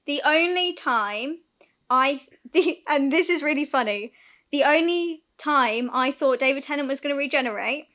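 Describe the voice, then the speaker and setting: A young woman chats casually on a podcast, her voice high and ringing with brightness. She tells stories with lots of animation, acting out the scenes as she goes. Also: moderate pace. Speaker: podcast co-host. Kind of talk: casual chat.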